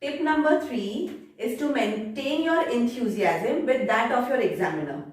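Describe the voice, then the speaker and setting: Woman tutor, measured and instructive, voice set back from the mic in a very reverberant room. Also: on the high side, lively intonation, recorded from a distance. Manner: formal, measured, instructive delivery. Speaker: English test tutor. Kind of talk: instructional video lesson.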